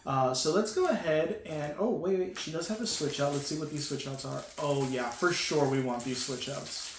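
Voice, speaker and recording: A toy reviewer with a slightly high voice talks at a normal pace, gushing over each piece in a casual, enthusiastic unboxing full of fillers. The room echoes and carries a faint hum.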